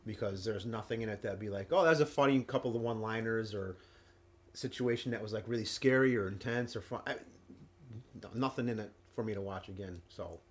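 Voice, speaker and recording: A man's voice: fairly low pitch, a little fast. A man co-hosting a casual movie review podcast, blunt and repeating himself. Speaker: podcast co-host.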